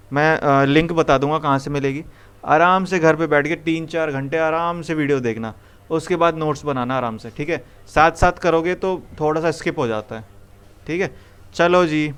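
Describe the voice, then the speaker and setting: A man's voice: a little high, a bit bright, smooth. A young man teaching programming to a live classroom, coaxing students with repeated questions. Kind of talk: live classroom coding lesson.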